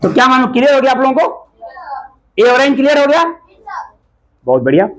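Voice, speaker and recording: A man's voice: very high voice, very animated, brisk, a bit bright, rough recording. Man teaching a class, quizzing pupils. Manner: asks the class short repeated questions.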